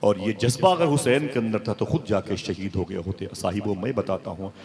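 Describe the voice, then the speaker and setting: A man delivers an impassioned sermon to a seated gathering, his voice sitting a little low. He talks straight to the listeners and swells into fervent, rhythmic declamation. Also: brisk, darkish tone. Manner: addresses the audience directly, swells into declamation. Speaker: preacher.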